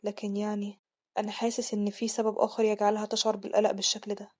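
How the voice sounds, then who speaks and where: Brief: woman reading a thoughtful head butler, man, Egyptian accent, musing worry, lower and quiet. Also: completely flat delivery, very fast, natural voice. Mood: concerned. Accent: Egyptian Arabic. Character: middle-aged male head butler, concerned and thoughtful.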